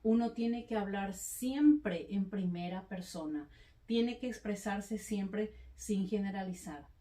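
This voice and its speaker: A woman explains her points slowly and carefully, like a teacher guiding a small group, and often adds short affirming sounds. Her voice is mellow and warm. It is heard from a distance in a room that echoes. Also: mid-range voice. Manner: measured, explanatory, with frequent affirming interjections. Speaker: evangelist and speaker. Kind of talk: calm teaching in a faith conversation.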